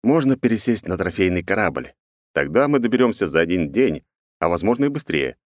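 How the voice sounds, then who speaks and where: A man narrating a first-person audiobook in a sardonic, deadpan manner. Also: low voice, brisk, no echo, studio quality.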